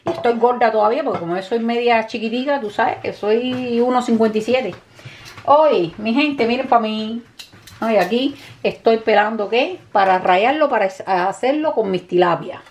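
A woman with a Cuban Spanish accent, chatting warmly to her viewers while cooking in her home kitchen, calling them "mi gente". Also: on the high side, normal speed. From Cuba. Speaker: cooking vlogger. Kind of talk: casual cooking vlog talk to viewers. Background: dishes, pots and pans clattering.

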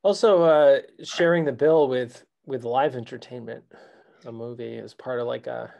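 A man co-hosting a podcast, talking about films in a halting way with many fillers. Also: medium pitch, fairly even intonation, vocal fry, darkish tone. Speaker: podcast co-host. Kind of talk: casual film discussion.

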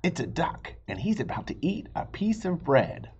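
Man doing squeaky, excitable, bickering storybook pal. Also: moderate pace, muffled recording, slight background noise. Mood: excited bickering. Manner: excitable, exaggerated, argumentative. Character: two bickering, stubborn, childlike cloud-watching friends. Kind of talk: children's picture-book dialogue read aloud.

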